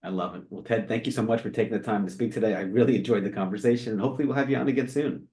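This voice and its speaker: A man hosting an interview show, asking questions and wrapping up briskly. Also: lowish voice, dark tone. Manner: brisk, brief affirmations. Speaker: show host.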